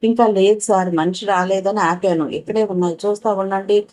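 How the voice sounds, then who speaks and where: A woman's voice: mid-range voice, steady tone, a little fast, darkish tone, natural voice. A woman reading a polite, deferential laundry worker man in a spoken story.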